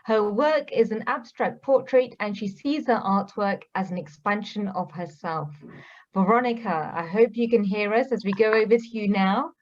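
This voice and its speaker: A woman hosting an online contest, brisk and upbeat as she introduces the next contestant. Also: mid-range voice, muffled recording. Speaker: contest host.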